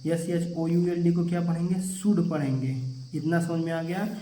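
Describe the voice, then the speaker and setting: A man's voice: fairly high pitch, steady tone, normal speed, mellow, a little hiss or hum. A man teaching English pronunciation to children, who keeps asking the class questions and answering them himself. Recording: echoey room with crickets chirping.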